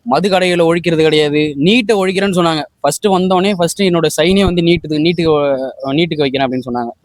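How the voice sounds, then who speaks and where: A man's voice: fairly high pitch, very fast, dry recording, studio quality. A man, an interviewee giving heated opinions with stumbling restarts.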